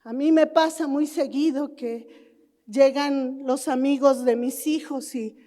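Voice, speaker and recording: A middle-aged woman pastor with a high, mellow voice preaches at an unhurried pace. She tells her stories with animation and acts out other people. Her voice rings with the long reverb of a church hall. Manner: animated storytelling, acting out neighbors. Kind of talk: sermon. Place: church sanctuary.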